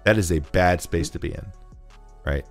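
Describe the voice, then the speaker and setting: Deep-voiced man explaining game strategy. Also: faint music behind. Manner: measured, explanatory, swears casually. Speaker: podcast co-host. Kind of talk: casual strategy discussion. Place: home room. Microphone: video call.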